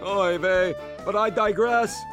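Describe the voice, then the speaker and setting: A man playing a showy coffee shop owner who pitches a holiday deal in a radio ad, full of puns and mock curses. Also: fairly even intonation, slow pace. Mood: salesy. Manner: showy, pun-filled salesman shtick with Yiddish curses. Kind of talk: radio ad spot. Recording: ad read over music.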